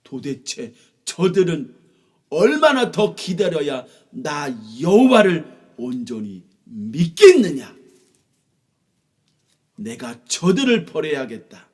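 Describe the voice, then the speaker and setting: A man voicing a stern, booming God who scolds his people, speaking slowly and loudly. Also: sing-song, slightly rough, full character voice. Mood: wrathful. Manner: slow, loud, proclaiming.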